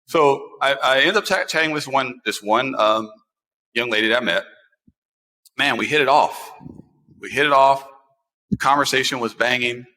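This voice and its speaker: An American talk show host in his forties, with a bright and forceful medium-pitched voice, chats casually at a moderate pace broken by long pauses. The room is long and reverberant, and his storytelling is lively and repetitive, with phrases pressed for emphasis.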